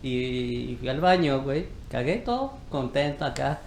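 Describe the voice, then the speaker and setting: This is an animated young Mexican man spinning a crude, slangy story in a casual chat. His pitch jumps all over, and the room sounds echoey. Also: measured pace, vocal fry, a little hiss or hum. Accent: Mexican Spanish.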